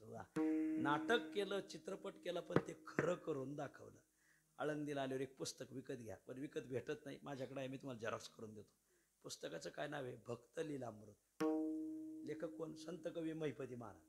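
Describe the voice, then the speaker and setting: A man preaching a devotional story in a sermon, lively and repeatedly addressing his listeners as Maharaj. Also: fairly high pitch, gravelly, noisy background. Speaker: kirtan preacher. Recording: musical accompaniment behind voice.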